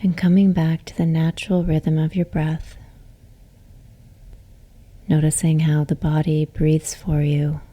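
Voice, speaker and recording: In this relaxation meditation, a yoga nidra instructor speaks in a low register with little movement in pitch. She is soothing and gentle, takes her time, and lets her lines trail off breathily.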